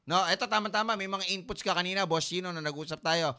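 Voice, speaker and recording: A man's voice: high-pitched, fast talker, sharp tone. A man hosting a sports talk show, chatting casually and peppering his talk with tag questions. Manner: repeats "correct", "tama", "di ba". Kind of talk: casual chat.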